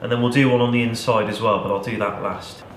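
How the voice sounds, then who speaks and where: Speaking fast in a mid-range voice, a man in his thirties who hosts a channel walks through a craft demonstration, keeping things relaxed and practical. The audio comes from a camera mic some distance away in a cluttered, echoey workshop with noise in the background.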